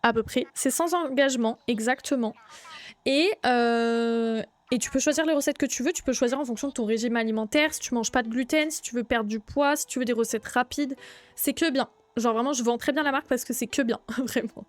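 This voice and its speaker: Young woman, high voice, casual live-stream chat, greets viewers, excitable outbursts. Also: fairly quick.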